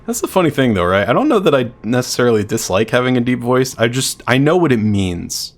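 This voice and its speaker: This man's deep voice swings widely in pitch and moves fairly quickly as he streams a game, chatting loosely, thinking out loud, and swearing without restraint.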